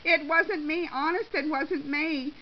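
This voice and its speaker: A woman reading a story, voicing a feisty older woman shopper in a slightly higher, brassy voice. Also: moderate pace, lightly acted. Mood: frightened. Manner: defiant, brassy. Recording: slightly dull with faint hiss.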